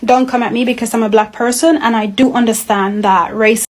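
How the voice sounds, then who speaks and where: A young woman chatting lively and a bit defensively to the camera indoors. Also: a little high, brisk. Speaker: commentator. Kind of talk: casual chat to camera.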